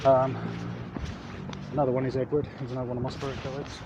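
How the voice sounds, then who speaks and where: A man from England chats to viewers while walking outdoors along city streets, his casual vlog talk marked by hesitation, repeated words and mid-sentence self-corrections. His mid-range voice stays level in tone at a quick pace, with traffic noise in the background.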